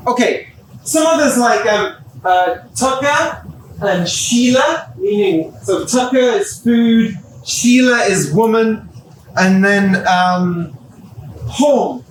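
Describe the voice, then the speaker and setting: A middle-aged man lectures a class in an unhurried, good-humoured way, talking through examples. His voice sits fairly high, and he sounds some way from the mic. The room adds a noticeable echo and a faint hum of ambience. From England. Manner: relaxed, explains with examples, laughs at himself. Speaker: university lecturer. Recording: echoey room, distant mic.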